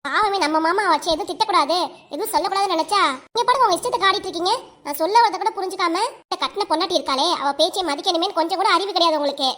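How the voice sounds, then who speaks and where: High, fast-talking young cartoon wife with a Kanyakumari Tamil accent, demanding; a woman voices her. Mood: scolding. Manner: scolding, insistent. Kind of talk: cartoon voice acting.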